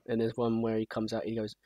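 A young man chatting casually with a friend while gaming, with a husky voice and dry, rambling humor. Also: fairly low pitch, mellow, dry recording. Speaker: co-host.

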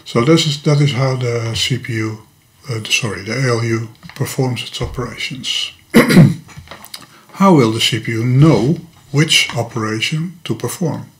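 A hobbyist teacher, an older man whose native language is Dutch, walks through a computer topic in a screen-recorded programming lesson at his desk, patient and methodical, with a Dutch accent. His mid-range voice is unhurried, he sometimes trips over a word, and the setting is a home workshop room with electronics.

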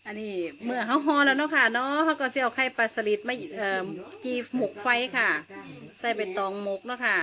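A woman's voice: a little high, brisk. A woman with a Northeastern Thai Isan accent, narrating a casual cooking vlog in a polite manner as a home cook. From Isan, northeastern Thailand. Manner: polite, repeated soft sentence particles. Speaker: home cook presenting a recipe.

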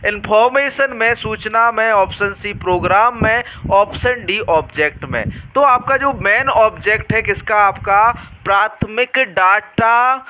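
Bright, high-voiced male exam tutor. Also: muffled recording. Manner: quizzing, repeats questions back to students. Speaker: exam prep teacher. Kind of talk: online exam lesson.

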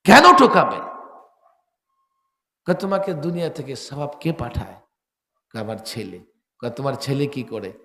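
A man, delivering an outdoor sermon beside a road through a PA microphone, questioning the crowd and bursting into shouts. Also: medium pitch, very animated, brisk. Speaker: preacher. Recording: echoey PA sound in a reverberant space.

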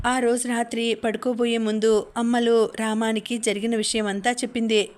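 A woman narrating a novel as an audiobook reader, in a steady storytelling manner. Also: a little high, normal speed. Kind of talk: scripted narration.

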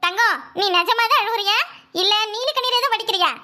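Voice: very high-pitched, brisk, sharp tone, heavily acted. [name], a voice actor doing a scolding young woman. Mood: mocking. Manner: scolding, mocking. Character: sharp-tongued young woman [name], suspicious. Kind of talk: cartoon comedy dialogue.

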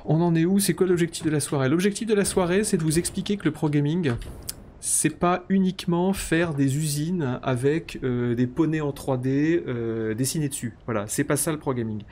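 A man's voice: on the high side, moderate pace, a little mellow, slight background noise. A man streaming a factory-building game, thinking aloud while he builds, counting under his breath and slipping into mock-grandiose, self-ironic banter. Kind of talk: casual live-stream commentary.

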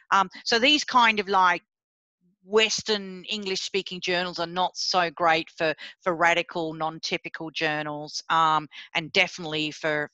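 In an informal academic talk on a video call, a Sri Lankan professor in middle age runs a seminar, blunt and chatty as she addresses her listeners directly. Her voice is sharp and on the low side. The recording has no room sound, and the highs are cut off.

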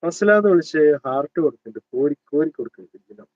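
A chatty man in his thirties with a Malabar Malayalam accent hosts a casual livestream and jokes with viewers as he calls out their names. His voice sits a little high for a man. The phone audio sounds dull and dry, with no room echo. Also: expressive, racing. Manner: chatty, teasing, greets viewers by name. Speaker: livestream host. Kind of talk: casual live chat reading comments.

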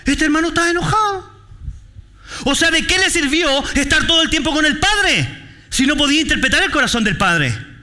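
Chilean preacher guy, really high bright voice, jokey slangy sermon stories. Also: brisk. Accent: Chilean Spanish. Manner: animated, joking storytelling with street slang. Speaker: pastor. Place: church.

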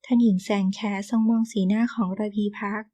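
A woman narrating an audio novel in an even, expressive storytelling manner. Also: a little high, a little fast, no room sound.

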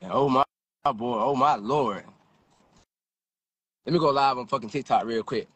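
A man's voice: mid-range voice, moderate pace, a bit bright, slightly rough, dry recording. A young man chatting loosely into his phone outdoors by a car, rambling and cursing casually. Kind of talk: casual livestream chat. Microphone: phone camera. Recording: played-back phone video with street noise.

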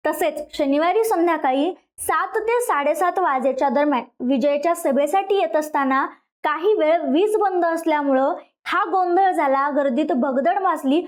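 A woman with a Marathi accent presenting a news explainer, walking viewers through events and speaking to them directly. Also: high-pitched.

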